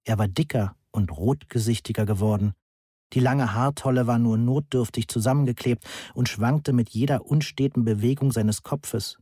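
A man's voice: medium pitch, moderate pace, warm tone, slightly rough, dry recording, studio quality. A man reading a novel aloud in the first person, precise and matter-of-fact. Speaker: audiobook narrator.

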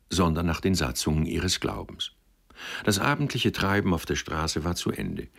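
A man reading a classic novel aloud as an audiobook narrator, in a measured storytelling manner. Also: deep voice, vocal fry.

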